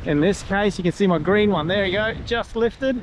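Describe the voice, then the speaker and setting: A man with a rather high voice gives a casual, hands-on explanation, pointing things out as he talks. He is outdoors on the deck of a catamaran at sea. Strong wind noise hits the camera mic the whole time. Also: normal speed. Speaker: sailing instructor.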